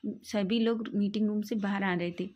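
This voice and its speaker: A woman retelling a romance fan fiction story in a casual, animated way. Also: mid-range voice, normal speed, lo-fi sound.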